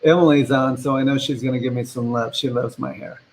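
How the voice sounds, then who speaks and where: A man's voice: medium pitch, fairly even intonation, fairly quick, slight background noise, rough recording. A man co-hosting a casual online show over a video call, joking and poking fun at himself. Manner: joking, self-mocking. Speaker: co-host.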